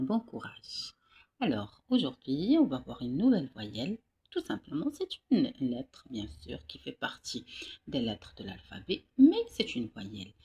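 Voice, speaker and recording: A male teacher giving a slow, patient reading lesson to young children. He repeats words and syllables and speaks to the pupils as dear students. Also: medium pitch, gravelly, a little mellow, slightly rough.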